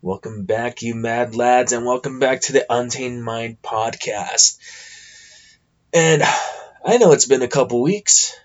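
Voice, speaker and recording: Hosting his podcast solo, a stuffy-nosed man from California, United States, talks in a blunt, casual ramble full of swearing. He has a mid-range voice at a measured pace, and the audio's high frequencies are cut off.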